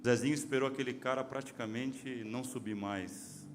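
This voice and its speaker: A pastor preaches to his congregation, telling stories in a lively way and calling out to them as brothers. His voice sits at an ordinary middle pitch for a man. Music plays clearly under the live sermon. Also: normal speed. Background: soft music.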